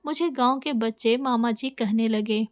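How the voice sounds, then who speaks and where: Woman reading a story with a fairly high voice. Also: measured pace. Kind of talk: scripted narration.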